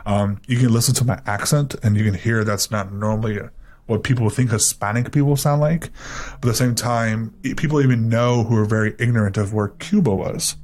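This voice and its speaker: A young man from Miami talks in a casual podcast chat with a fairly low voice. He rambles through his stories and leans on filler words as he goes. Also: fairly quick, darkish tone. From Miami, Florida. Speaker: podcast co-host.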